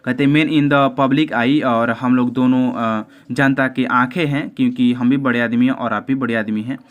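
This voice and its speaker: A man's voice: medium pitch, fairly even intonation, normal speed, dull audio. A man teaching an English lesson, explaining it in Hindi. He speaks hesitantly, with frequent filler sounds, stumbles over the English lines and talks to his viewers as friends.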